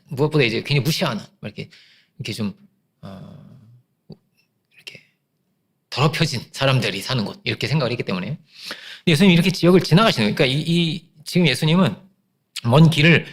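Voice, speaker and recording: A man preaching a Sunday sermon as pastor, telling a story in an animated way, acting out quoted voices and trailing off into fillers and restarts. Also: on the high side.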